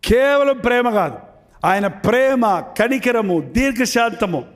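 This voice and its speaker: A man preaching a sermon as a pastor, emphatic and repetitive, with many rhetorical questions, drawing some phrases out slowly and rushing others. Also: very high voice, lively intonation. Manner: shifts between slow drawn-out stress and fast bursts.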